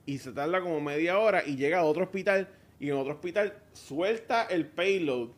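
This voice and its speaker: A man telling a story on a casual podcast, animated and full of slang. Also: on the high side, fairly quick. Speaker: podcast co-host.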